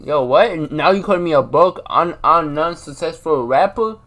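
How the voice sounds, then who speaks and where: A man's voice: fairly high pitch, expressive, moderate pace, a bit bright. Slangy young man teasing strangers. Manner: slangy, mock-serious teasing. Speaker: video chat host. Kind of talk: casual chat with strangers.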